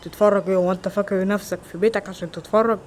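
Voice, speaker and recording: A man with an Egyptian Arabic accent acting several everyday roles in a homemade skit, with quick, exclamatory lines. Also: high-pitched, steady tone, slight background noise, lightly acted. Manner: quick, loud, exclamatory dialogue. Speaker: amateur actor.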